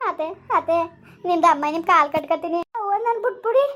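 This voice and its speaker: Brief: very high-voiced, panicky village mother, endless begging, played by a woman. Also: fast, fairly bright tone, highs cut off. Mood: pleading. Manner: pleading, wailing, begging. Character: frightened village woman, wailing in-law mother. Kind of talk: slapstick village comedy skit.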